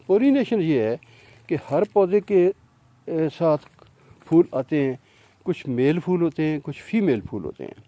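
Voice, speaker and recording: A home gardening presenter with a deep, dark, mellow, sing-song voice gives a casual gardening lesson, explaining patiently with frequent fillers as he points at his plants. He drifts closer to and farther from the camera mic while showing them, and there is no echo.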